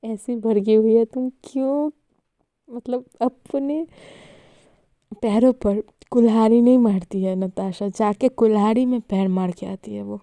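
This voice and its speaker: A woman tells a love story in a chatty, casual way, slipping in English words and speaking to her listeners directly. Her voice is dark and mellow, and she takes her time. The recording is dry and close. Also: medium pitch, no room sound.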